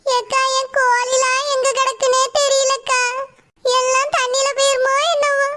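A woman's voice: extremely high pitch, completely flat delivery, normal speed. A woman voicing a tearful, anxious village woman with a Tirunelveli Tamil accent. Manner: fretful, pleading. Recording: loud hiss behind voice.

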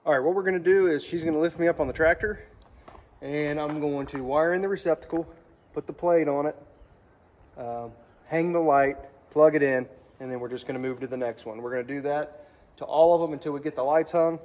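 A man's voice: a little high, a little fast, muffled recording. A man in his thirties explaining his electrical work in a matter-of-fact way while he works inside a large pole barn. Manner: plain, practical, matter-of-fact. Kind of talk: casual explanation while working. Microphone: phone camera held nearby. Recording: noisy barn ambience.

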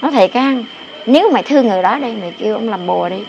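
A woman's voice: medium pitch, animated, racing, vocal fry, a little mellow, muffled recording. An older woman tells local stories in a rambling, emphatic way, repeating her phrases. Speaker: interviewee telling local lore. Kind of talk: casual storytelling. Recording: noisy outdoor ambience with passing vehicles.

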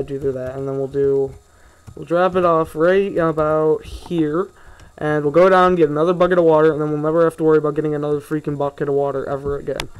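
A man's voice: on the high side, darkish tone. A young man giving casual, rambling commentary while he plays a video game, often sidetracked and grumbling in asides. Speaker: gaming video host. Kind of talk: casual let's play commentary.

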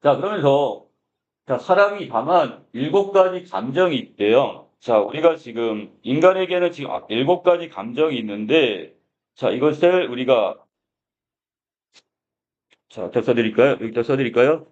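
This literature teacher's voice sits at a medium pitch, a little mellow, with lively intonation and a moderate pace. Going through a classic prose text line by line, he begins most phrases with "so," and the lecture recording sounds dull and lo-fi.

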